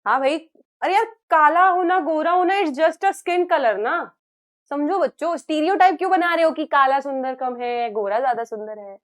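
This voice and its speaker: Young woman teacher, high voice, earnest and coaxing, class lecture. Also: normal speed. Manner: earnest, coaxing, mixes Hindi and English.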